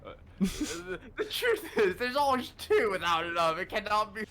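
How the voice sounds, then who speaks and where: A man's voice: high-pitched, normal speed, creaky, voice pushed up, heavily acted. A man voicing a boastful, noisy detective with an exaggerated Southern American accent, in a theatrical read of a visual novel. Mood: excited, showy. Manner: noisy, theatrical, over-excited. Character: loud, boastful, bumbling human-looking detective game piece. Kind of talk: comic amateur voice-over of a visual novel.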